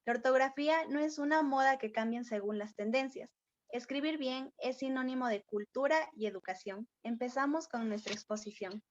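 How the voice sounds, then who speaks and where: A young woman reading a class presentation in a steady way, pointing to examples on a board. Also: high-pitched, moderate pace, no room sound. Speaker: student presenter. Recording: dry, dull lo-fi sound.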